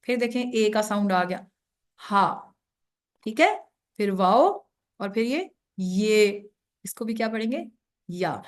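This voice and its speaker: A woman's voice: mid-range voice, pauses often. A woman teaching a beginner grammar lesson, explaining patiently, dropping English terms into her speech and often checking that the class is following.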